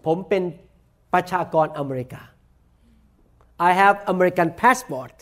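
A man with a Thai accent preaching a sermon, saying each point in slow, deliberate English and then repeating it quickly in Thai. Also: high voice, big pitch swings, a bit bright. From Thailand. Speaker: pastor. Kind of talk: bilingual sermon, self-translating.

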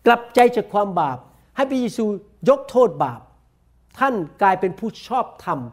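A man with a Thai accent preaching a sermon, saying each point in slow, deliberate English and then repeating it quickly in Thai. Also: extremely high pitch, animated. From Thailand. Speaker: pastor. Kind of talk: bilingual sermon, self-translating.

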